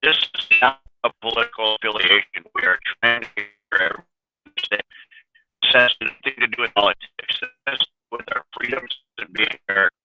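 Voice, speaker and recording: A man's voice: lowish voice, brisk, sharp tone, soft background music. A man, a trucker, calling in to an interview, talking bluntly while his phone signal breaks up and cuts in and out. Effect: phone signal breaking up, cutting in and out. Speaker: trucker in a convoy, phoned in as guest. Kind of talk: remote interview over the phone. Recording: tinny, breaking-up phone line.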